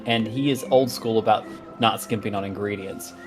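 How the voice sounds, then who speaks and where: A man chats in a relaxed way with friends during an online game stream, now and then reading viewer messages out loud. Game music plays clearly in the background as he talks. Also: fairly low pitch, normal speed. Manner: relaxed, reads chat messages aloud. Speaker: co-player on a gaming stream. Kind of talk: casual gaming chat.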